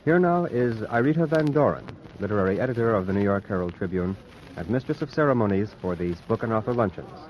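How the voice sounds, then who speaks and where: A male American radio announcer from the 1950s with a low voice. He reads formal scripted copy in measured phrases, heard on a noisy old transcription disc. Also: animated, darkish tone. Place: introduction to a recorded ballroom luncheon broadcast.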